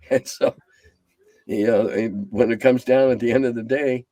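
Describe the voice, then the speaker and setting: This is a seventies-aged man, a game designer, giving a casual interview in a steady tone and at a measured pace. He's blunt and wanders off topic, getting quieter and lower toward the end of his thoughts, and there's no room sound.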